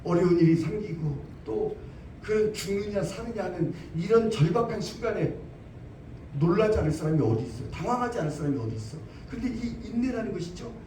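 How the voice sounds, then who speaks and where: Male pastor preaching in a church, lively swooping high voice, mellow tone, emphatic repeats; caught from a distance. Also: a little fast, a little hiss or hum. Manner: emphatic, repeats phrases, asks rhetorical questions. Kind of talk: sermon. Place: church sanctuary. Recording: roomy, distant church recording.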